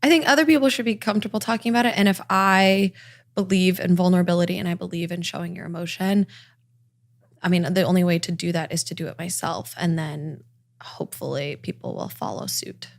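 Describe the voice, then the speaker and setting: A woman with a Californian accent and a slight vocal fry, chatting casually as a podcast guest with lots of fillers. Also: lowish voice, fairly even intonation, fairly quick. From Los Angeles. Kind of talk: casual chat.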